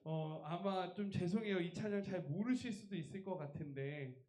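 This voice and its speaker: This man preaches a revival sermon in a Korean church, pressing his congregation with emphatic rhetorical questions. He has a high-pitched voice with a dark tone, heard in a reverberant space.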